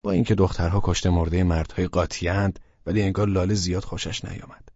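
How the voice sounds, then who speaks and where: A man's voice: deep voice, level tone, a little mellow, no room sound, highs cut off. A man narrating a first-person audiobook in a wry, colloquial storytelling manner.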